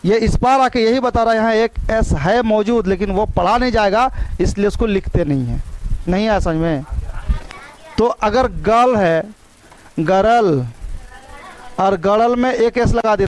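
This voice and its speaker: High-voiced man teaching a class. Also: unhurried, poor audio. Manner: scolding, repeats words to drill pronunciation. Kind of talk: classroom grammar lesson.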